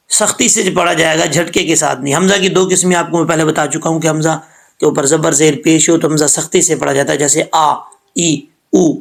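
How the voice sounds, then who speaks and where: A man teaching Quran recitation explains each rule patiently, one step at a time, slowing down and drawing out sounds so listeners can imitate them. His voice is slightly high, gravelly, and fairly bright.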